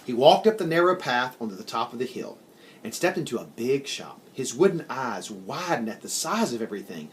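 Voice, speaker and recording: A male story reader narrates a children's storybook in a mid-range voice, expressive and animated, phrasing things deliberately. There is slight background noise.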